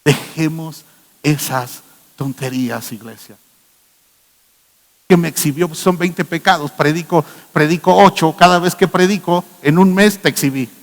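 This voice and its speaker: A man's voice: high-pitched, fairly even intonation, fairly quick, few pauses. A Mexican male pastor preaching a sermon, telling stories emphatically and mimicking the people he quotes, in a church hall. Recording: long church hall reverb.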